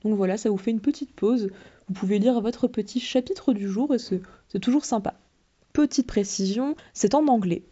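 A woman's voice: mid-range voice, moderate pace, mellow, breathy edge, muffled recording. A young woman hosting a student podcast segment, chatty and upbeat with light fillers. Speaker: podcast presenter.

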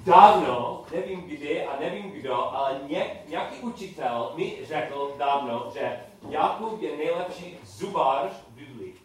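A man leads a class with questions, haltingly and repeating himself in simple phrases. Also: fairly high pitch, expressive. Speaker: teacher leading a Bible study class. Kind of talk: interactive lesson with questions to the group. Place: echoey room with a group. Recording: very echoey room, distant mic, faint noise.

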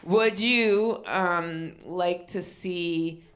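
Slow-talking woman hosting a live show. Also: lowish voice. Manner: hypes the crowd, leads chants. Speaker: host.

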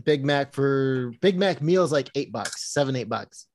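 A man's voice: mid-range voice, expressive, a little slow, a little hiss or hum. A man co-hosting a podcast, dropping dry wisecracks into casual chat. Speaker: podcast co-host.

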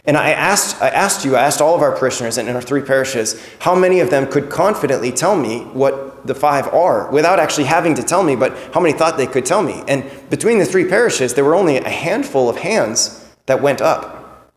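A man's voice: mid-range voice, expressive, brisk. Man preaching casually in an echoey church. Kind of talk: conversational sermon. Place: large reverberant church interior. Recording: echoey hall with long reverb.

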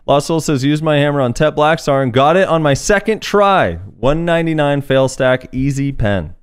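A man's voice: fairly high pitch, lively intonation, normal speed, clean tone. A man hosting a casual podcast, reading listener comments aloud in a laid-back way with plenty of fillers. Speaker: podcast host.

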